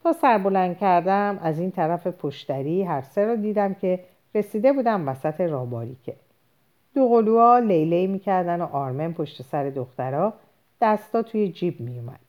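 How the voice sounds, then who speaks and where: A woman narrating a novel in the first person, expressive storytelling. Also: on the low side. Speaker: audiobook narrator.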